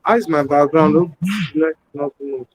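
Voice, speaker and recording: A man's voice: fairly high pitch, steady tone, normal speed, highs cut off. A man on an online call whose voice keeps breaking up as he casually checks his sound. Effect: voice breaking up over an online call. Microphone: online call audio.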